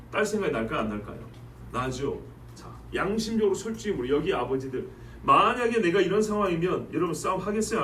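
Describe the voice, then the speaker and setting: A male pastor preaching a Wednesday sermon, asking the congregation rhetorical questions and reading scripture verses slowly and with weight. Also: fairly high pitch, fairly bright tone, echoey room, far from the mic, a little hiss or hum, low-quality recording.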